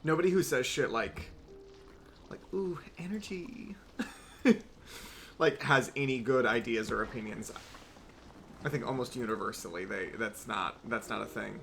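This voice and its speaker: Young man, gravelly bright voice, casual gameplay commentary, wry rambling asides, faint hiss. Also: lowish voice, moderate pace. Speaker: streamer.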